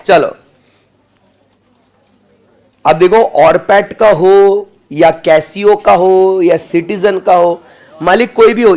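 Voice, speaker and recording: A man's voice: high-pitched, creaky, darkish tone. A young adult male teacher giving a classroom lecture, joking and playful, mixing Hindi with English.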